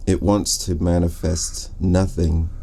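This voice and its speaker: A man with a very low voice gives an unhurried, meditative tarot reading. His thoughts wander, and he pauses often before finishing them. A clear hiss of noise sits under the recording. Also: level tone, mellow. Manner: musing, drifting, pauses mid-thought. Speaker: tarot reader. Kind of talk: slow, reflective tarot reading.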